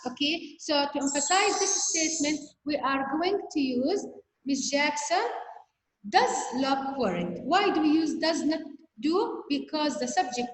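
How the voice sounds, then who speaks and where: A woman teaching an English grammar lesson, explaining patiently and often asking "okay?" to check understanding. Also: sits high. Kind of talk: recorded online grammar lesson. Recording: echoey room, long reverb, faint noise.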